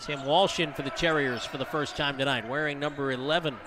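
A man calling play-by-play for a college volleyball match, brisk and rising to shouts on big plays. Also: a little high, steady tone. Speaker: play-by-play commentator. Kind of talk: live volleyball commentary. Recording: noisy arena broadcast feed. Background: gym ambience and ball bounces.

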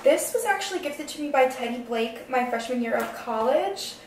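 This early-20s sorority vlogger is animated and chatty, her higher-pitched voice moving at a normal speed as she does a casual get-ready-with-me talk. Far from her handheld or propped camera, she's heard in small echoey apartment and house rooms, with a roomy echo and a little background noise.

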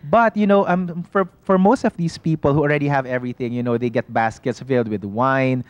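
A man talks through his shop's products as a talk-show guest, in a calm mid-range voice. He explains at length and keeps saying "you know" as he restarts his sentences. The studio sound is close and dry. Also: mid-range voice, fairly quick, no room sound, dull audio. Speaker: organic food shop owner, studio guest.

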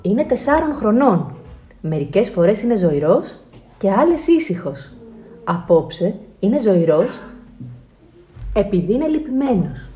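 Woman narrating a children's picture book, expressive and lively. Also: mid-range voice. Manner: expressive storytelling. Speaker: children's book reader and translator.

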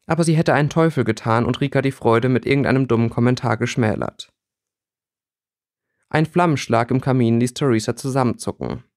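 A man narrating a fan fiction audiobook in steady storytelling. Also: mid-range voice, fairly quick, no echo, studio quality. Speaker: audiobook reader. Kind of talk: scripted narration.

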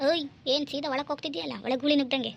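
A woman voicing a harsh, scornful mother-in-law who scolds loudly in a cartoon story. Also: high-pitched, fairly even intonation, very fast, creaky, background noise. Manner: sharp, scornful, loud scolding.

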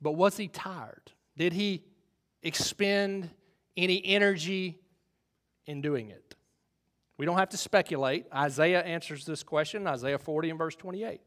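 A middle-aged man preaching a sermon, swinging between loud emphasis and hushed asides. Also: a little high, a little slow. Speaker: pastor.

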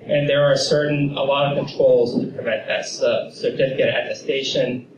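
A man's voice: medium pitch, fairly even intonation, moderate pace, muffled recording. A young man giving a confident tech presentation with a handheld microphone in an office meeting room. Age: young adult. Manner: confident, explanatory, casual fillers. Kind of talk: conference talk with demo. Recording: roomy, distant camera audio with noise.

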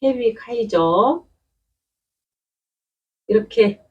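A woman's voice: a little high, animated, extremely slow, breathy edge, distant mic, highs cut off. A woman unboxing succulent plants at home in a chatty, delighted way, exclaiming often. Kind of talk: casual unboxing commentary. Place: indoors at home.

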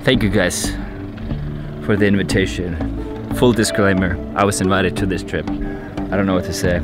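A man's voice: deep voice, fairly even intonation, normal speed. A young man from Iceland, a travel vlogger talking eagerly to a camera held at arm's length outdoors by a beach. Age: young adult. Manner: enthusiastic, talks to camera. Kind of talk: casual travel vlog. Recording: music playing under voice.

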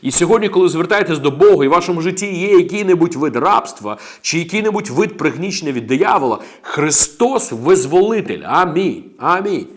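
A man's voice: a little high, very animated, brisk, few pauses. A man preaching a sermon as a pastor, emphatic and declaring, breaking in with amens and praises.

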